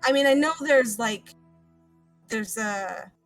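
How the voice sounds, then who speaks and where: A woman chatting casually and haltingly as a player in a tabletop role-playing game. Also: on the high side, a bit bright, soft background music. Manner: informal, halting. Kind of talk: casual in-character game chat.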